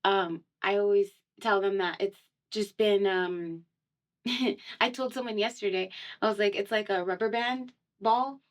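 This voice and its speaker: This young woman from Miami, a singer visiting a radio studio, has a mid-range voice, a steady tone and an unhurried pace. In a casual conversational interview she's chatty, laughs often and leans on fillers like "um" and "like."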